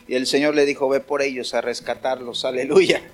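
A man's voice: mid-range voice, fairly even intonation, fairly quick. A man preaching at a worship service, fervent and calling out praises to the congregation. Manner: fervent, shouting praises and acting out a story. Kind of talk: lively evangelical preaching.

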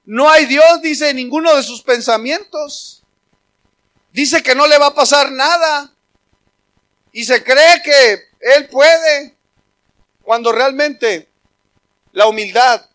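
A pastor preaching a sermon, emphatic and speaking directly to the congregation as brothers. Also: male voice, extremely high pitch, a bit bright.

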